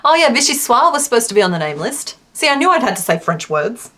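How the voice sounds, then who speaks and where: Her voice on the high side, sing-song and fast, a woman runs a casual crochet livestream. She rambles with plenty of fillers, reads chat messages aloud, and quietly counts her stitches.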